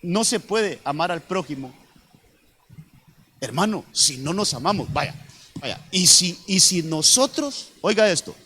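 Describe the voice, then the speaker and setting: A man's voice: sits high, expressive, unhurried, pushed and bright, slightly rough. A man preaching a sermon as pastor, often repeating himself and calling the listeners brother. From Honduras. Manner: repetitive, addresses congregation as brother.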